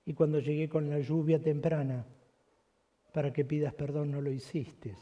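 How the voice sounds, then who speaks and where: A man voicing God as a grave, insistent presence, speaking low and hushed in a sermon story. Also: flat delivery, moderate pace, muffled recording, natural voice. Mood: solemn, hushed.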